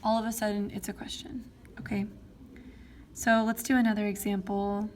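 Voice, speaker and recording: A woman's voice: medium pitch, level tone, moderate pace, darkish tone. A woman teaching a French grammar lesson, explaining step by step and often checking in with "okay?" and "all right?". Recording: faint background noise.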